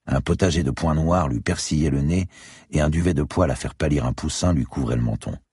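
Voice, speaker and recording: A man narrating a crime novel in the first person, wry and measured. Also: a bass voice, darkish tone, husky, no room sound, studio quality. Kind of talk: audiobook narration.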